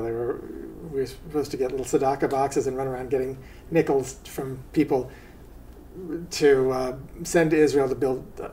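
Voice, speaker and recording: Blunt man with a dark tone. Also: medium pitch, poor audio. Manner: blunt, hesitant restarts, indignant. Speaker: interviewee. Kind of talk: documentary interview.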